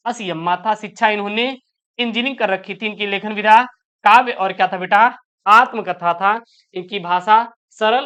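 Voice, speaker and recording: Smooth-voiced woman teacher calling students "beta". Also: mid-range voice, fairly bright tone, highs cut off. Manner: calls listeners "beta", asks and answers own questions. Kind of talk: exam-prep lesson explaining poetry.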